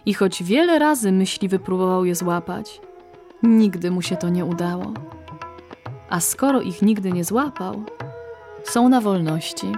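A woman narrating a fable in a gentle, measured storybook style. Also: medium pitch, expressive, over music.

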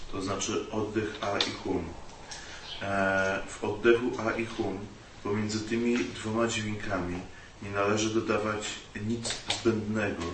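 Male interpreter, hesitant delivery, distant mic in a roomy space, faint hiss. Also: on the low side. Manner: hesitant, many filler sounds. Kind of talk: consecutive interpreting of a dharma talk.

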